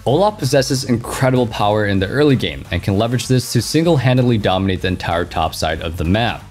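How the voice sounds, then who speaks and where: A man's voice: fairly low pitch, lively intonation, fast, darkish tone. A man hosting a gaming channel, reading a scripted top ten countdown narration as an explainer with punchy emphasis. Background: background music.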